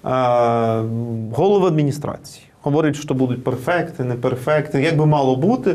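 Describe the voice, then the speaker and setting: A male interviewer with a mid-pitched voice keeps his questions short. He often jumps in to finish his guest's sentences. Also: a little fast, darkish tone. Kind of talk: studio interview.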